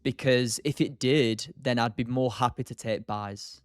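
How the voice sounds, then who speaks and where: A man's voice: medium pitch, steady tone, a little slow, dry recording, soft background music. A tired man hosting a live stream, thinking aloud and answering chat in a loose, casual way. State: tired, short on sleep. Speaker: streamer, day trader.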